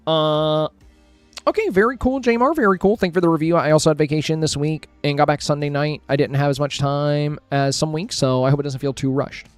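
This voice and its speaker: A man's voice: fairly high pitch, brisk, clear, resonant tone, no echo. A man with a slightly raised voice chats through friendly critiques of game screenshots on a live stream, thinking aloud with fillers and restarts. He sits close to a dry mic, with faint music playing underneath. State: hiccuping, with a headache. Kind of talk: casual live-stream review commentary.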